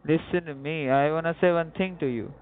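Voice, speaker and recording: A man's voice: a little high, a loud crowd. Young man prank calling in broken English. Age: young adult. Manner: halting, repetitive broken English. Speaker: prank caller. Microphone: telephone. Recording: tinny phone line.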